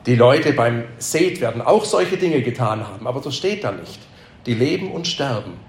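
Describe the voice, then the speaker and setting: A man's voice: mid-range voice, lively intonation, normal speed. A man teaching a Bible lesson to a live group, asking them questions and repeating their answers, with emphatic repetitions. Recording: echoey room.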